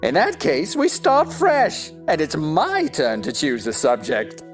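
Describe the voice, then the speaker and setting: Here a woman gives a heavily acted, smug performance as a talking egg who is pompous, touchy and quick to argue. She speaks slowly in a low voice that swings hugely in pitch, stressing words with haughty exaggeration. Soft music plays behind this stage-play style audio drama.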